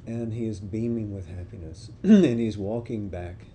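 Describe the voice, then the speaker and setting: A man telling a devotional story in a slow, deliberate, reflective way. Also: fairly low pitch, dark tone, a little hiss or hum.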